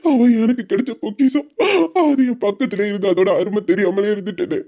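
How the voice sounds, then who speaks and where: A mellow, dark-toned man's voice, full of sorrow and emotional pleading, as a worried brother. He speaks with steady, heavy feeling. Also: sits high, fairly quick, muffled recording. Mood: remorseful. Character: grieving older brother, husband's in-law.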